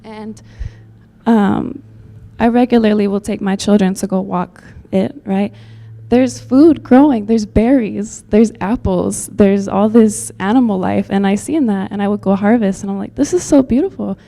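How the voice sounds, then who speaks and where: A woman's voice: mid-range voice, normal speed, vocal fry, mellow. A woman from Texas giving an earnest, rambling public comment at a community meeting, with many fillers. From Texas, USA.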